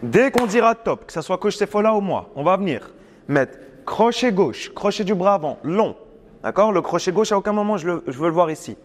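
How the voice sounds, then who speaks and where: Un homme, coach de boxe, qui donne des consignes fortes et encourageantes pendant un entraînement en salle. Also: male voice, high-pitched, expressive, brisk. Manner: loud, encouraging gym instructions. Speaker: boxing coach. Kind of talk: coaching a training session. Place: boxing gym.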